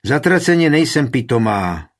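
A man with a husky voice reading an audiobook, raising his voice for an impulsive, bitter young woman. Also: mid-range voice, lightly acted. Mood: angry.

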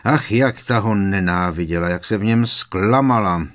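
A man with a fairly low voice gives a lightly acted audiobook reading as a bitter, servile old house-elf. He mutters resentfully to himself under his breath.

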